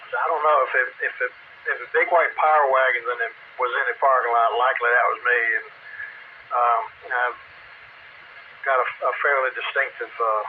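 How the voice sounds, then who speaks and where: An older man talks casually over a two-way radio. His delivery is hesitant and halting, at a middling pitch. The transmission is narrow and dull, with light static behind it. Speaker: amateur radio operator. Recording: band-limited GMRS radio audio, faint static.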